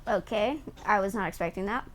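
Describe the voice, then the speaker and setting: A woman's voice: mid-range voice, a little fast. A woman game streamer reading on-screen story text aloud and chatting in an amused way as she explains it. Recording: faint background noise.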